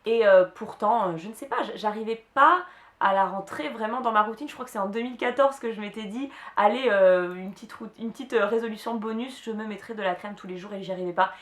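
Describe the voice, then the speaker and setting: A woman's voice: medium pitch, fast. A young woman chatting casually to camera about her beauty favorites, with many hesitations and restarts. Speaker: beauty vlogger. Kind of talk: casual product chat to camera. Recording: echoey room.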